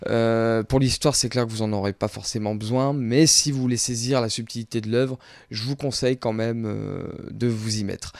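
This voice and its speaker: A male radio host talking about films in a relaxed, chatty way, stumbling often over filler sounds and restarting his sentences. His voice sits at an ordinary pitch and is recorded close and dry in a studio, with no room sound at all. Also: normal speed, creaky, dry recording. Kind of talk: casual radio film chat.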